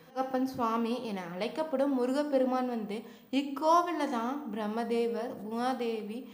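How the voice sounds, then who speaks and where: A woman narrating temple history in a relaxed, chatty way, often adding "you could say" and correcting herself mid-phrase. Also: a little high, roomy sound. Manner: casual spoken Tamil with fillers like "you could say". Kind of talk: colloquial devotional narration.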